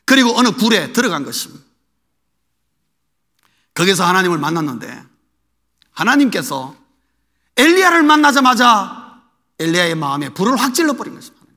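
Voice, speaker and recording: A male pastor delivers an emphatic sermon and keeps putting rhetorical questions to his congregation. His voice is very high, bright and forceful, and his pitch moves a lot. Long reverb fills the church hall around him. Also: sing-song, moderate pace, pauses often. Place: church sanctuary.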